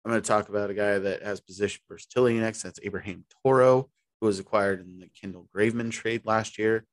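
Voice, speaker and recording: Easygoing low-voiced man talking sports. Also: steady tone, fast talker, no room sound. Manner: rambling, easygoing, restarts mid-sentence. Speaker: podcast co-host. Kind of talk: casual sports chat.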